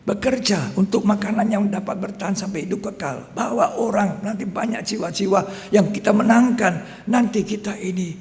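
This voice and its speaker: A man preaching a sermon as pastor, telling stories and swinging from loud exhortation to hushed, near-whispered asides. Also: moderate pace. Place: church hall. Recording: long church reverb, faint rumble.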